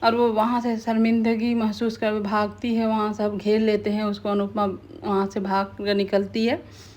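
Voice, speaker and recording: A woman's voice: medium pitch, monotone, moderate pace, a little mellow. A woman casually retelling the events of a TV serial episode, talking steadily with colloquial asides. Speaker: TV serial recap narrator. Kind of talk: casual storytelling recap.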